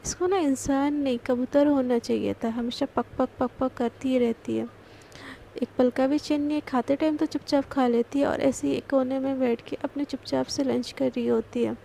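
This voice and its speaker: A prickly, stern young lady boss, voiced by a woman narrating. Her voice is high and gravelly with a dark, mellow tone and flat, clipped delivery, a faint hum behind it. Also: normal speed. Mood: irritated. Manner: snappish, dismissive.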